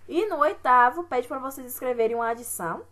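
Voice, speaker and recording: A woman's voice: sits high, animated, quick pace, pushed and bright. A woman math teacher with a Brazilian accent, walking students through an exercise sheet step by step and often checking in with "right?". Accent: Brazilian Portuguese. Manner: patient, repeats "certo?" and "né?" to check understanding. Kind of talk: recorded online lesson explaining an exercise sheet.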